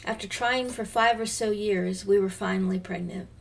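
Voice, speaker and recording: Devotional host, woman in her fifties, creaky gentle read, set back from the mic. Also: medium pitch, steady tone, moderate pace. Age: 50s. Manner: gentle, reflective, drops to soft near-whispers. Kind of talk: reading a devotional aloud. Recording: voice slightly distant from the mic.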